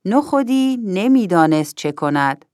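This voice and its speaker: A woman narrating a children's story in an expressive storytelling manner. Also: medium pitch, no room sound, clean studio sound.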